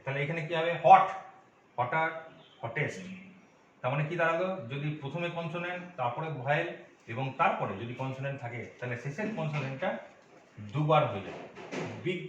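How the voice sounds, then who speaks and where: Man, grammar teacher, patient, fairly high voice, far from mic, very echoey dull recording. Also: a little hiss or hum. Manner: patient, asks and answers his own questions. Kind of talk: explaining a grammar lesson to students.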